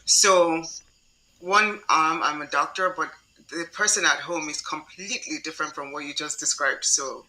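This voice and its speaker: Woman guest doctor, very bright and tense voice, modest and self-deprecating. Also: deep voice, normal speed, low-quality recording. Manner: self-deprecating, soft-spoken. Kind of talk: casual chat.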